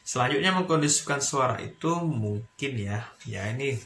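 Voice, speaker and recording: A man's voice: medium pitch, lively intonation, normal speed, fairly bright tone. A man, a university lecturer, talking casually in a teaching vlog with lots of fillers. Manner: chatty, explanatory, with frequent fillers. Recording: echoey room with noise.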